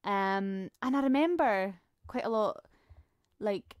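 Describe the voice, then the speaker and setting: A woman in her thirties, co-hosting a podcast and telling stories in a giggly, animated way. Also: medium pitch, slow pace, clean tone, no room sound. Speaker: podcast co-host. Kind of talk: casual chat.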